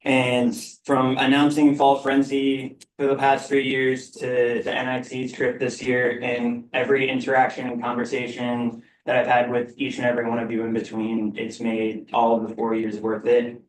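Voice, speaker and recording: A man in his twenties giving a grateful farewell speech to his team, halting with many uh's. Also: medium pitch, completely flat delivery, a little hiss or hum. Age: 20s. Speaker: senior athlete giving a speech. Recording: roomy, from a distance.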